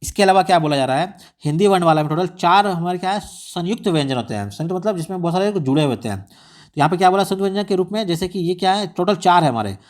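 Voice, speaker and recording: Fast-talking male exam tutor. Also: high voice, animated. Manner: repetitive rhetorical questions, mixes English words. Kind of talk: explaining study material.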